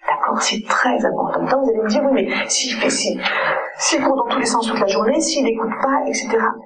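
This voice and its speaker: A woman's voice: fairly high pitch, brisk, low-quality recording. A woman child psychologist giving an earnest conference lecture and often checking in with her audience.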